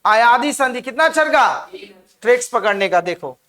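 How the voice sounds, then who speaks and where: A man's voice: very high voice, animated, moderate pace, sharp tone. A man teaching grammar in a classroom-style lecture, explaining step by step and constantly asking the students questions.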